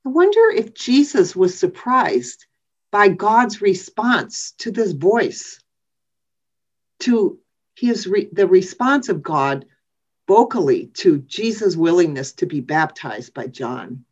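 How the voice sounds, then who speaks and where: A woman preacher giving a sermon in a measured, reflective way, with thoughtful pauses. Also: on the low side, sing-song, breathy edge. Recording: dull lo-fi recording.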